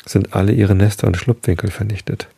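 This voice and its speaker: A man voicing a gloomy, gentle old bull elk in a storybook reading, speaking in a subdued, heavy-hearted way. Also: fairly low pitch, fairly even intonation, brisk, gravelly, slightly rough, dry recording, full character voice. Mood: downcast.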